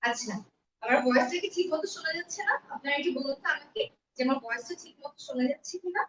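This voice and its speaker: High-voiced woman teaching, echoey distant mic. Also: expressive, a bit bright, a little hiss or hum. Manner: switches between Bengali and slow deliberate English. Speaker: online English teacher. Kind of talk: live-streamed language lesson. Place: room at home.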